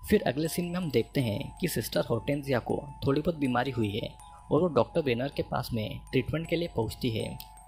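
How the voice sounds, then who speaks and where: A man recounts a film's plot in a steady, even narrator's voice, his Hindi accent plain in every line. His pitch sits at an ordinary middle level, and soft background music runs faintly under the speech. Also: a little fast, gravelly. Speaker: movie explainer. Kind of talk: scripted movie recap narration.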